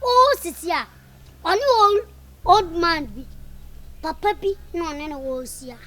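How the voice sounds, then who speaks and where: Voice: very high-pitched, very animated, a little slow, sharp tone, a little hiss or hum, heavily acted. A performer with a Ghanaian accent and Twi as native language, playing a gossiping, indignant friend in an improvised comedy skit, with dramatic exclamations. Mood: scandalised. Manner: dramatic, exclaiming, repetitive storytelling.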